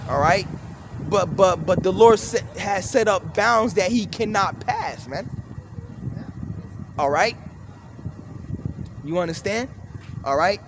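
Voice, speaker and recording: A man's voice: sits high, expressive, takes it slowly, long pauses, background noise. A man preaching scripture outdoors in a fervent, emphatic way, constantly checking in with "all right?" and "man". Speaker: street preacher. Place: outdoors by a street.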